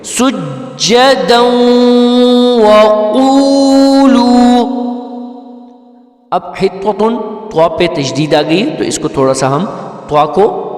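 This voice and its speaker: Male recitation teacher with a high voice, patient letter-by-letter explaining, roomy long-reverb sound, faint music behind. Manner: patient, explains letter by letter, often checks "okay?". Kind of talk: step-by-step recitation lesson.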